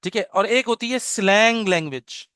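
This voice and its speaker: Over a video call, a middle-aged man who teaches Arabic runs an online orientation in a high, pushed, bright voice that is clear and resonant. Switching between Urdu and English, he often checks on his students with "okay?", and the audio is studio quality with no room sound.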